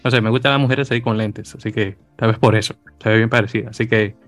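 A man's voice: lowish voice, fairly even intonation, fast talker, fairly bright tone, no echo, soft background music. A man hosting a sports podcast in casual chat, rambling with many hesitations and restarts. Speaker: podcast host.

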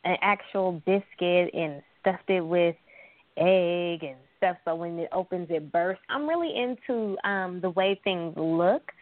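A woman from San Francisco, a guest entrepreneur, talking in a lively, chatty way and laughing often. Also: lowish voice, unhurried, dry recording. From San Francisco, USA. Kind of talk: casual interview chat. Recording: thin phone-line sound, dry.

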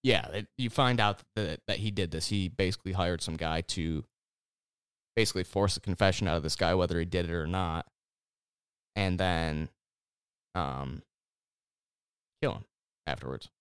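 A man with a lowish, smooth and resonant voice chatting casually with friends. He walks through a story in a loose, rambling way, full of "like" and restarts. The sound is close and dry. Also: normal speed, long pauses, dry recording. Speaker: podcast host recapping a TV series. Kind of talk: casual chat.

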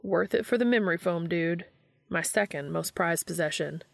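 A woman's voice: lowish voice, moderate pace, gravelly, no echo. A woman reading aloud and voicing a joking, easygoing young man in close to her own voice. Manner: joking, casual.

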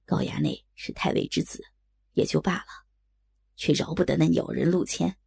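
A woman's voice: deep voice, moderate pace, creaky, dark tone, breathy edge, pitched below the performer's own voice, full character voice. A woman voicing an angry grown male warrior in a told story, speaking in a stern, seething way. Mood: grim anger.

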